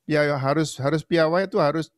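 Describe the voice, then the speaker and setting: A man hosting an online Bible school class, speaking in an encouraging but halting way. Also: a little high, dry recording, clean studio sound. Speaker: class host. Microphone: video call.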